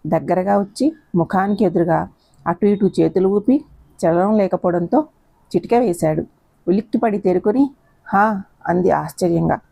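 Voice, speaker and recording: A woman narrating a romance story in a steady, expressive reading voice. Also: fairly low pitch, normal speed, gravelly, no room sound. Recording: dull lo-fi recording.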